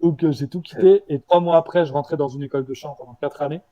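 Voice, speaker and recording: Man, founder guest, warm mellow tone, slight stutter, halting restarts. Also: on the high side, steady tone, muffled recording. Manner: halting, with restarts and repeated words. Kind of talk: casual interview answers.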